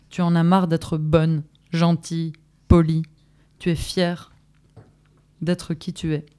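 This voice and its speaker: A woman, an activist guest on community radio, reading a text aloud in a steady, deliberate way. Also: on the low side.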